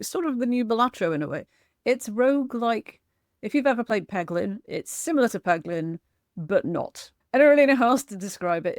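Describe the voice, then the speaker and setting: A woman's voice: medium pitch, no echo, studio quality. A woman chatting casually about games she played, self-deprecating and laughing often. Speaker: gaming vlogger and streamer. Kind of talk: casual chat reviewing games.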